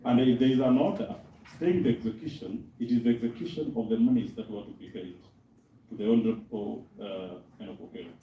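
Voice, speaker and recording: A Kenyan man making a formal legal submission to an assembly's speaker, halting yet insistent. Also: mid-range voice. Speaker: lawyer addressing the assembly's speaker. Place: legislative assembly chamber. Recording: dull echoey chamber, distant mic, faint noise.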